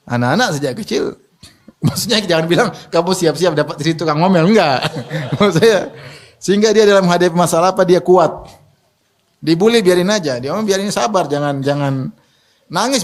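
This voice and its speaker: A man delivers a sermon in a fairly high-pitched voice. He keeps it lively, joking and laughing between points. He often asks his listeners questions and lets them fill in the answer. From Indonesia. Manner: lively, jokey, with laughs and rhetorical questions to the audience. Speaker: preacher.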